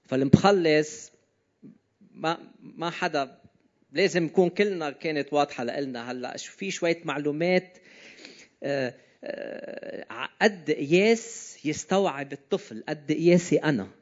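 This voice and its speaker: Higher-voiced Lebanese preacher, a man. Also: normal speed. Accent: Lebanese Arabic. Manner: conversational, often asking listeners questions. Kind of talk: informal sermon to a congregation. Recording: slightly dull, lo-fi sound.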